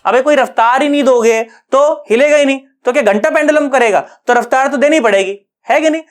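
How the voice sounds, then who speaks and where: His voice is very high, clear and resonant, and he speaks fairly quickly. Teaching physics in an online lesson, he chats informally, cracks jokes, uses English physics terms, and keeps asking whether the students have got it.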